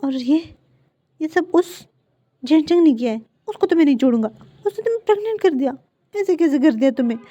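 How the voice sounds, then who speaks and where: Give me a woman playing a pleading, excitable young man with a mellow tone. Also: high voice, fairly quick, dry recording, muffled recording. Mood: outraged.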